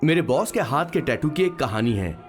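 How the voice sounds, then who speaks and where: Chatty sidekick narrator, raised pitch, lively delivery, soft score behind. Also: male voice, moderate pace, soft background music. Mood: cheeky. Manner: playful storytelling. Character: chatty loyal young male assistant. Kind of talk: dubbed film narration.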